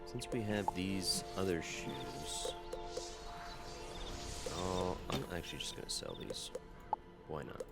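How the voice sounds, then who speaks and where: A man's voice: deep voice, expressive, takes it slowly, long pauses. A man giving casual commentary as he hosts a video game playthrough. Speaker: gamer, playthrough host. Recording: loud game music behind voice.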